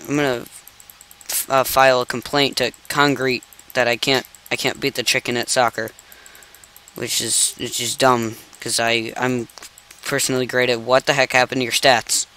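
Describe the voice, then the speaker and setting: A man's voice: medium pitch, little pitch movement, normal speed, bright, forceful tone, clean tone, poor audio. A young man hosting a game commentary video, exasperated and incredulous, repeatedly exclaiming "no" as he plays at his computer. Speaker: gaming channel host. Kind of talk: let's play commentary.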